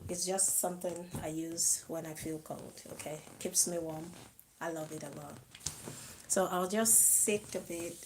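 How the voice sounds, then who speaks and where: A woman hosting her own live video, chatting slowly to viewers, greeting them and laughing softly. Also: fairly low pitch, fairly even intonation, background noise. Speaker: live-stream host. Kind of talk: casual live-stream chat to viewers.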